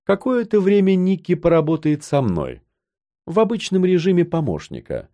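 Earnest space commander guy, voiced by the narrator, higher pitched and lively, audiobook. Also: moderate pace. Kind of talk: audiobook character reading.

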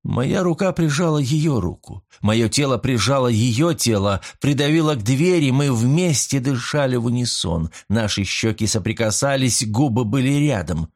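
A man reading a first-person novel aloud with a hushed, intimate, drawn-out delivery. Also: medium pitch, expressive. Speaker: audiobook narrator.

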